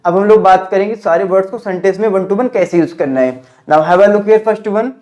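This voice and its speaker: A young man giving a video English lesson in Hindi, slowing down to say each English example sentence. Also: sits high, darkish tone. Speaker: English teacher. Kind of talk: classroom-style video lesson.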